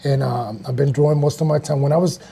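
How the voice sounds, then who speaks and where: A man's voice: medium pitch, steady tone, fast, creaky, mellow, breathy edge. A man in his fifties from Puerto Rico, an artist and studio co-owner talking casually in an interview, hesitant with many fillers.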